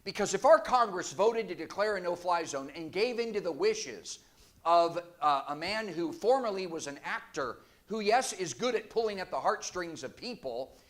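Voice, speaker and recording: A man preaching a sermon from the pulpit of a church, forceful, with sarcastic asides. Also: high-pitched, lively intonation, moderate pace. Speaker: guest preacher.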